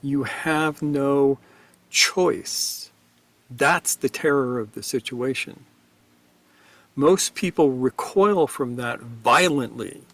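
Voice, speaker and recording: A man co-hosting a spiritual talk show, explaining ideas in a measured, emphatic way. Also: medium pitch, fairly bright tone, dry recording. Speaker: podcast co-host teaching on Gurdjieff. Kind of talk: reflective spiritual discussion.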